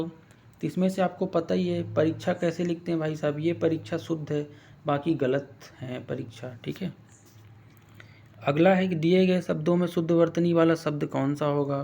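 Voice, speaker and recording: A man teaching an exam-prep lesson in a casual spoken style, quizzing his viewers and slowly stretching out words to spell them. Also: on the high side, gravelly, warm tone.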